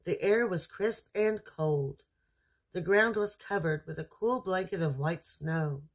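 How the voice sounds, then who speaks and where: Slow, husky woman storyteller. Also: lowish voice. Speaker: storyteller reading aloud. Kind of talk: children's storybook narration.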